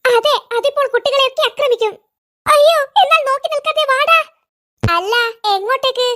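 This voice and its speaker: A voice actor playing excitable young schoolboys who bicker back and forth in a cartoon. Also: very high voice, brisk, a little hiss or hum. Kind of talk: cartoon voice acting. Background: faint background music.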